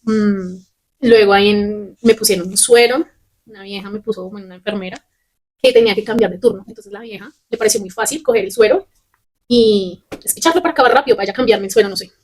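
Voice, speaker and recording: Fast-talking candid woman. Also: mid-range voice. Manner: candid, fast and animated, swears casually. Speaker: podcast host. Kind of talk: personal storytelling.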